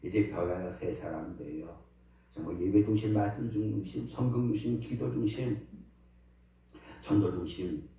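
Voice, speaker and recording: A man's voice: fairly low pitch, a little slow, vocal fry, mellow. A male pastor preaching a sermon with emphatic delivery, acting out imagined voices of others, and closing in prayer. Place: church sanctuary. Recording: very echoey church hall, mic at a distance.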